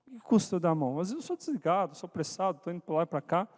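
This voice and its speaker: A man speaks very fast in a high, slightly mellow voice with lively intonation. He's giving an interactive talk at a church couples' meeting, putting questions to the audience and calling on people by name, and the hall adds long reverb.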